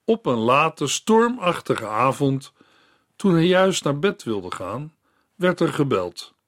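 A man's voice: on the high side, very animated, a bit bright, no echo. Man narrating a story, dry close sound. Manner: measured, storytelling. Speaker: narrator of a Bible series.

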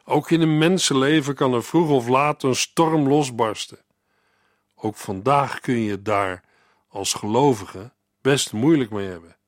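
A man's voice: mid-range voice, dry recording, studio quality. Earnest male radio Bible teacher. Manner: measured, earnest, addresses the listener. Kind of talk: Bible reading and devotional commentary.

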